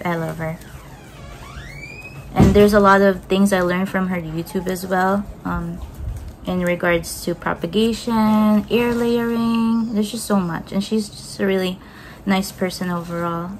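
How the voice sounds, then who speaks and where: A young woman from the Philippines, a plant vlogger, unboxes plants in her kitchen and talks to a camera on the table in a chatty, gushing, upbeat way while handling them. Her medium-pitched voice is steady and measured. The audio is poor, with a little hiss or hum.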